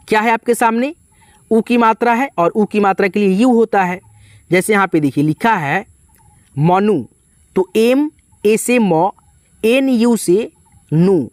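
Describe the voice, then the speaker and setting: In a dry, close-miked recording without echo, a high-voiced male English tutor patiently walks through spelling step by step. He goes letter by letter, often repeating "ठीक है" and "दोस्तों".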